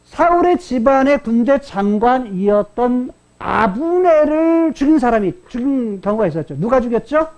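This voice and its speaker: Woman pastor preaching, kinda high voice that jumps all over, keeps asking the church questions and repeating lines. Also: expressive, normal speed, few pauses, darkish tone. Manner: asks the congregation questions and repeats key phrases; dramatic voicing of quoted insults. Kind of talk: Sunday sermon.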